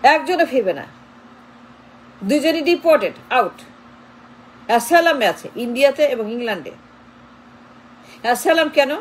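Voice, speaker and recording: Emphatic high-voiced woman commentator. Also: animated, normal speed, long pauses, slight background noise, poor audio. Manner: emphatic and insistent, piling up repeated rhetorical questions. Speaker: political commentator. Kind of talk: political commentary monologue.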